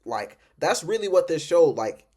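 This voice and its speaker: A man's voice: a little high, big pitch swings, normal speed, a little mellow, husky. A man who is drunk, ranting off the cuff in an emphatic, repetitive, rambling way. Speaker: reaction video host. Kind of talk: impassioned off-the-cuff rant.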